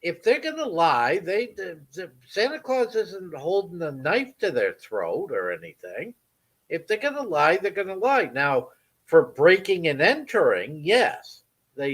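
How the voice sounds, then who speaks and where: Slow, lively Maine man telling stories. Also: a little high. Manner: animated storyteller, laughing, voice leaps up when amused. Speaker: storyteller in chat. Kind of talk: casual chat.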